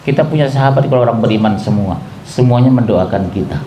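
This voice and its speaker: A man preaching a sermon to women in a gathering, joking and acting out quotes, shifting between high calls and soft pleading tones. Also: fast, a little hiss or hum, low-quality recording.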